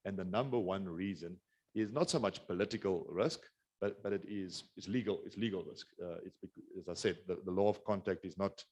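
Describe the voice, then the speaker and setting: Middle-aged South African man, low voice, quick rambling business webinar talk, lots of restarts. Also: darkish tone. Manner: rambling, many restarts and fillers. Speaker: business speaker. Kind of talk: webinar presentation.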